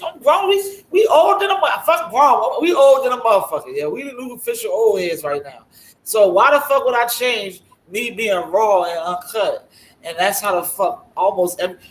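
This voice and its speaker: A woman's voice: medium pitch, animated, moderate pace. A woman co-hosting a casual podcast chat, blunt, profane and emphatic, sometimes raising her voice. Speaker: guest co-host. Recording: roomy echo.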